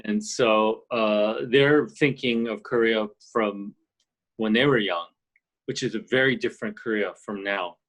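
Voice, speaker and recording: A man's voice: fairly low pitch, measured pace, a bit bright. A middle-aged man from Canada, chatting as an interview guest over a video call and talking thoughtfully, with many fillers and restarts. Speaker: guest, orchestral percussionist. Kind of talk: casual interview chat. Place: ski and golf resort, indoors.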